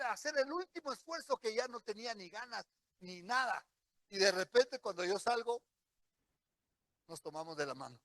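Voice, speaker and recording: A man's voice: very high voice, sharp tone, no echo. A middle-aged man preaching a sermon, telling a personal testimony vividly and acting out what people said.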